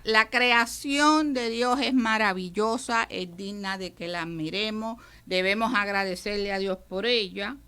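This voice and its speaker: On a radio devotional broadcast, a woman pastor from Puerto Rico teaches with emphasis, calling each listener "brother." Her voice sits in the mid range, smooth but sharp in tone, colored by a Puerto Rican Spanish accent.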